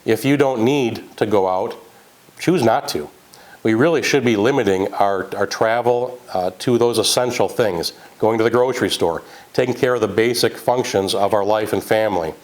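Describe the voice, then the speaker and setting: A man giving a public health update as a county health official, speaking in a measured, earnest way with some fillers. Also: fairly low pitch, low-quality recording.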